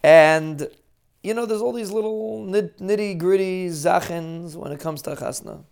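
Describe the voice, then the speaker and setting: A man with a Yiddish-inflected accent giving an informal sermon in an earnest, halting, emphatic way, often repeating phrases. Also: high-pitched, creaky, a little mellow, smooth. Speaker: religious speaker giving a short daily talk.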